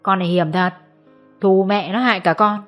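A woman's voice: mid-range voice, steady tone, normal speed, close to an everyday voice. A woman voicing a stern but loving middle-aged mother in an audiobook, scolding at times and coaxing at others, over faint music. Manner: scolding, then soft and coaxing. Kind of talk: audiobook character voice.

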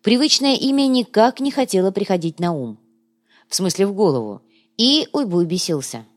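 A woman narrating an audiobook in a lively, character-driven reading. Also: medium pitch, normal speed. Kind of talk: scripted narration.

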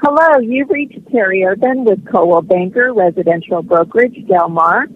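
Man's answering machine greeting heard down a tinny phone line, high-pitched, polite and businesslike. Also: lively intonation, normal speed. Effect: recorded answering machine greeting played over a phone call. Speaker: real estate agent. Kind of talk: formal recorded voicemail greeting.

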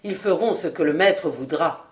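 A woman voicing a huge, burly, calm outlaw who speaks in a low grumbling murmur. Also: moderate pace, natural voice.

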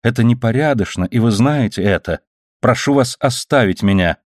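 A man's voice: mid-range voice, moderate pace, no echo, close to an everyday voice. Proud young noblewoman, indignant and firm, read by a man in a dry recording. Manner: firm, offended, sharp retorts. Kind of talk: audiobook character reading.

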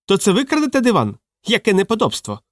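A man's voice: high-pitched, wildly swooping pitch, fast talker, no room sound, pitched above the performer's own voice. A man reading an audiobook, voicing a fat, fussy official who squeals and shrieks with indignation. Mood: outraged. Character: fat, fussy older male official, outraged. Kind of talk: audiobook character voice.

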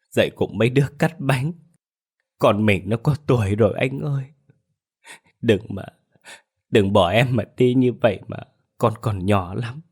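A man's voice: medium pitch, slightly rough, voice pushed up. A man voicing a grieving young widow who pleads and sobs in despair, in an audio horror story. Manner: sobbing, pleading cries.

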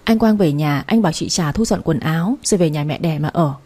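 A woman narrating a family story in the first person, in an even storytelling manner. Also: sits low, brisk, breathy edge.

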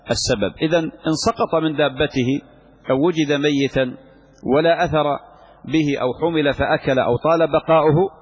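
Husky man lecturing in a reverberant hall. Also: on the high side. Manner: repeats key phrases for emphasis, asks and answers own questions. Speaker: sheikh teaching Islamic law. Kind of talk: classroom lecture explaining a legal text. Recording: muffled lo-fi recording in a reverberant hall.

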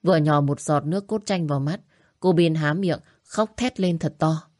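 A woman narrating a family story in a steady, even reading voice. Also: deep voice, normal speed, no room sound, studio quality.

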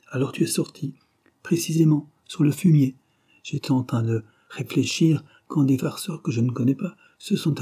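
A man's voice: medium pitch, mellow, husky, pitched above the performer's own voice, lightly acted. A man voicing a vain, easily offended young dandy in a read-aloud novel.

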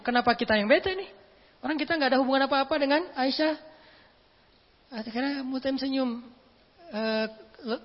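Casual, joking woman preacher in an echoey hall. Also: on the high side. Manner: humorous, storytelling, acts out quoted speech. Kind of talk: casual religious lecture. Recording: echoey hall, dull lo-fi sound.

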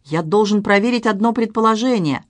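A fussy, scornful head waiter exclaims and scolds in a raised, sharp voice, as an audiobook narrator does him. He sounds indignant and quick to insult. The sound is dry and close to the mic. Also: medium pitch, no echo, pitched above the performer's own voice, lightly acted. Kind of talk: audiobook character reading.

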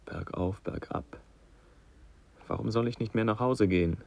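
An actor playing a frightened young son facing sacrifice, speaking in a hushed, hesitant, fearful way in a radio play. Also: male voice, lowish voice, fast, creaky. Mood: faltering. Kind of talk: vintage radio play acting.

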